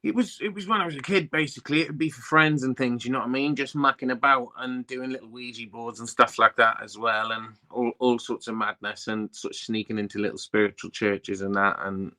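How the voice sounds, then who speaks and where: A young Welsh man who works as a tarot reader chats in a casual interview, rambling and laid-back, peppering his talk with "you know what I mean." His medium-pitched voice has a sharp tone, and he speaks briskly with few pauses.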